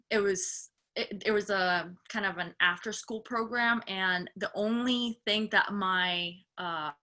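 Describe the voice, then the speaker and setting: A woman from Colombia who was raised in Puerto Rico, speaking as a panelist on a webinar. Her voice is bright and forward. She talks in a lively way and speaks straight to her audience. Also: mid-range voice. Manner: lively and engaging, addressing the audience.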